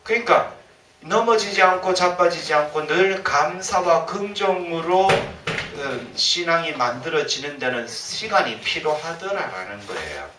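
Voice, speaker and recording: A man's voice: on the high side, a little slow, noisy background. A male pastor preaching a sermon, acting out the complaints of the people he quotes. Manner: animated, acts out quoted complaints. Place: church sanctuary. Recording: roomy church sound from a distant mic, faint ambience.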